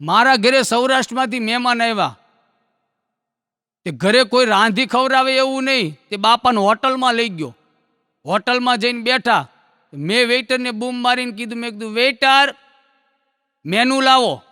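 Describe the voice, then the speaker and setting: Male comedian, very high bright voice, folksy stage storyteller, hall reverb. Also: clean tone, studio quality. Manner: folksy storytelling, acting out characters in quick dialogue. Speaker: stand-up comedian. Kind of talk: Gujarati joke telling, stage storytelling.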